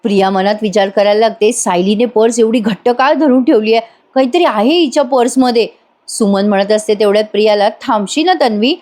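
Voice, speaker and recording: A woman's voice: on the high side, fairly quick, darkish tone. A woman giving a voice-over recap of a TV serial episode, briefly voicing each character's lines as she retells the scenes. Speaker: TV serial reviewer.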